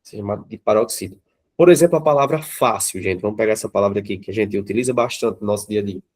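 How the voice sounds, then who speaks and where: A man's voice: on the low side, fast, a little mellow. A man with a Brazilian Portuguese accent teaching grammar to a class of students, often checking in with them and asking them questions.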